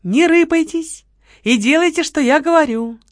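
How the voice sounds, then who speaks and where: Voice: normal speed, no room sound, clean studio sound, close to an everyday voice. A narrator voicing a vengeful young woman who hisses threats and barks orders at gunpoint in an audiobook. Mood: barking orders. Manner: low hissing threats, barked orders. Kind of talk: audiobook character voice.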